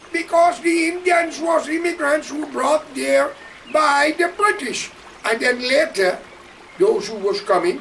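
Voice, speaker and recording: A man's voice: very high voice, creaky, fairly bright tone, far from the mic, slight background noise, rough recording. A man from Guyana with a Guyanese accent, delivering an impassioned, preachy political monologue straight to his listeners. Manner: preachy, emphatic, addresses listeners directly. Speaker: political commentator.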